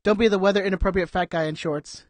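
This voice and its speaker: A man's voice: high-pitched, steady tone, fast talker, dry recording. A man co-hosting a podcast in casual chat, rambling with lots of "like" and "dude". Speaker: podcast co-host.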